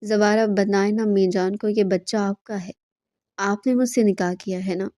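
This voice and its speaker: A desperate young woman, voiced by a woman storyteller begs and pleads to be believed. The tone is soft and mellow. The sound is dry and close. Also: medium pitch, steady tone, no echo, lightly acted. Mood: pleading. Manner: pleading, begging.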